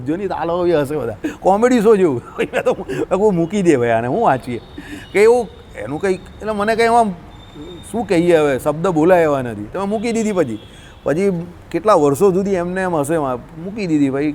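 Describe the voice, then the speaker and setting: A man's voice: high voice, darkish tone, a little hiss or hum. A man, teaching scripture in a scolding, colloquial way, full of rhetorical questions. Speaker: religious teacher. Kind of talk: scriptural discourse.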